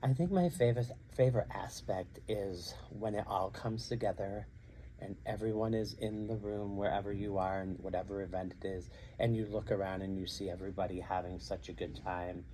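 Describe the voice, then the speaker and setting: A man's voice: deep voice, fairly quick, dark tone, a little hiss or hum, rough recording. A middle-aged man who works as a drag queen and show host, answering interview questions earnestly and repeating phrases for emphasis.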